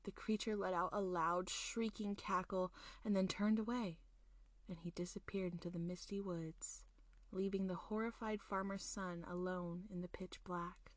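A woman with a fairly low voice narrates a scripted monster folktale. She hosts like a storyteller, folksy and unhurried, and the sound is close and dry. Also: fairly even intonation, no echo. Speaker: storyteller, show host.

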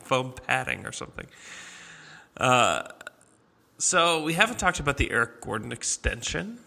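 Male host, chatty and laughing, gravelly low voice, bright tone, cavernous echo-chamber room sound. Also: sing-song. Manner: chatty, laughs often, halting restarts. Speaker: podcast host. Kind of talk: casual sports chat. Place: large echoey boardroom.

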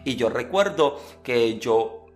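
A man preaching, telling a personal testimony in an earnest, lively storytelling manner. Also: mid-range voice, slow, soft background music.

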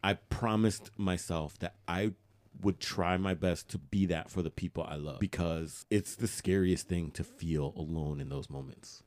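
A man's voice: low voice, unhurried, a little mellow, dry recording. A young man co-hosting a podcast, talking in a heartfelt, emphatic and profane way. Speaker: podcast co-host. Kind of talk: candid podcast chat.

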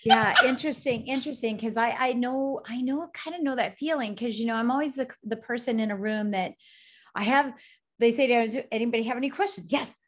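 A woman's voice: fairly high pitch, brisk, fairly bright tone. Woman host, supportive interviewer, affirming and chatty. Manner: encouraging, frequent affirmations. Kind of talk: conversational interview.

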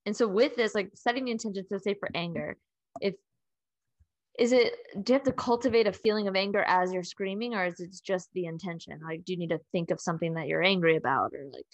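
A woman with a somewhat low voice hosts a podcast chat. She asks curious, meandering questions and warmly affirms what she hears, in a relaxed conversational way. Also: fast talker, no room sound. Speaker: podcast host.

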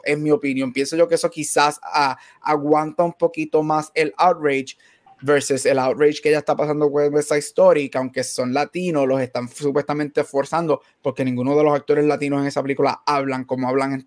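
A man co-hosting a casual podcast chat, reasoning things out and switching often between Spanish and English. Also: a little high. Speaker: podcast co-host.

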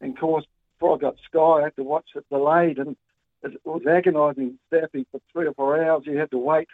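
A man's voice: on the high side, steady tone, a little fast, dry recording. A man with a New Zealand accent calling in to a talkback show on his phone's speaker, rambling and colloquial with lots of ums and restarts. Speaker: caller. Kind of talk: casual talkback call. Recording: tinny dry phone line on speaker.

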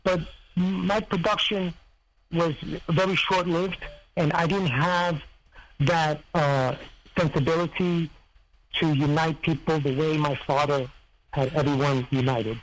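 A man from Serbia recounts his past in a halting, rambling way, often stopping to search for the right words. His voice sits a little higher than most men's, with a faint hiss of noise underneath. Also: fairly even intonation, poor audio. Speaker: guest, former heist crew member. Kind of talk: casual interview storytelling.

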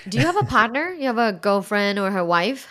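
A woman speaks as a sex educator in a casual interview. She is frank and candid, giggles easily and leans on loose fillers. Her voice sits at an ordinary middle pitch. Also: sing-song, fairly quick, a bit bright. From Thailand. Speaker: sex educator and college instructor.

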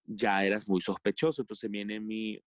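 A man from El Salvador with a Salvadoran accent, telling a personal story as a podcast guest in a halting way, with many fillers and restarts. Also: on the low side, little pitch movement, no room sound, clean studio sound. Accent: Salvadoran Spanish.

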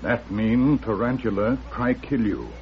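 An actor playing a loyal, stoic sidekick in a radio western, speaking slowly in terse broken English. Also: male voice, mid-range voice, lightly acted. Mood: concerned, loyal. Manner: terse, clipped grammar, slow delivery. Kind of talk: 1940s radio western acting. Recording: dull vintage radio recording.

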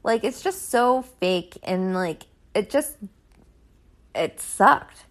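A woman's voice: medium pitch, lively intonation, slow, fairly bright tone. A young woman telling her own story in a casual, chatty way, filling it with "like" and frustrated asides.

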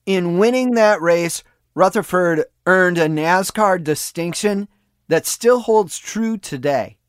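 A man with a somewhat high voice narrates a sports history podcast from a prepared script. He speaks in a measured way. The recording is dry and close. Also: clean tone, no echo. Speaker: podcast host.

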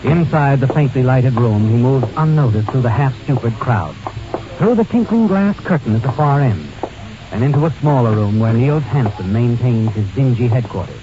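In the dramatic, ominous style of 1940s radio, a man narrates a suspense story, addressing the character as "you." His medium-pitched voice is animated and moderately paced. The muffled old recording is noisy, with dramatic music behind him.

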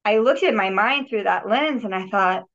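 On a podcast, a healer and yogi shares her personal healing story, earnest and reflective, with many restarts and repeated words. Her mid-range voice has a fairly bright tone and moderate pace, recorded in dull lo-fi audio.

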